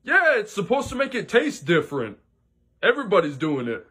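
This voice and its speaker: A man's voice: sits high, huge pitch swings, a little fast, sharp tone, husky. A man chatting casually as he films pranks on his grandmother at home with a phone. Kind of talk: casual prank vlog chat. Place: indoors in a home. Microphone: phone he is holding while filming.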